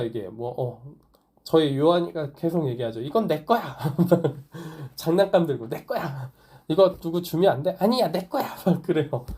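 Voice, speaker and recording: A man's voice: on the high side, warm tone. A man preaching a sermon as pastor, in a conversational way, putting questions to his listeners. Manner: conversational preaching, asks the congregation questions, light laughs. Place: small church or online worship service.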